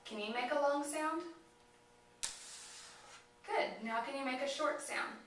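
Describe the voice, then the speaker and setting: A woman working as a speech therapist, talking slowly and encouragingly to a child in exaggerated, simple phrases. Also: high-pitched, a bit bright, slight background noise. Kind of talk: child-directed therapy demonstration. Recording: echoey room, mic far off.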